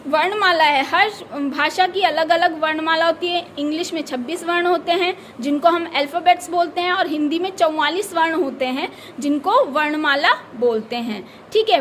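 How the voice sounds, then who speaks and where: A woman's voice: extremely high pitch, a bit bright, slight background noise. A woman teacher, patiently explaining a grammar lesson to children and answering her own questions. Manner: patient, repeats key words, asks and answers own questions. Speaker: school teacher.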